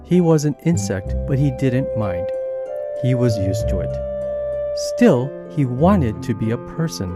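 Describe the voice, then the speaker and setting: A man narrating an animated children's story, reading in an animated, expressive way. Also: medium pitch, measured pace. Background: background music.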